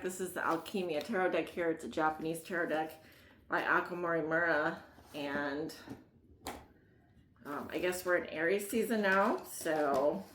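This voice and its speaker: Woman, Mid-Atlantic Maryland accent, tarot reader, rambling chat, low voice, echoey room. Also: fairly bright tone, a little hiss or hum. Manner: rambling, self-laughing, many fillers. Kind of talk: casual tarot reading monologue.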